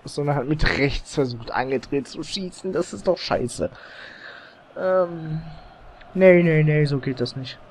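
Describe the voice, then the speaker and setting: A gamer with a slightly high voice talks through his match in loose, casual bursts. He gets excited and groans or swears when plays go wrong. The mic is slightly overdriven at times. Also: slight background noise. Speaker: let's play gamer. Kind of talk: casual live gameplay commentary. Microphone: headset or desk mic, slightly overdriven.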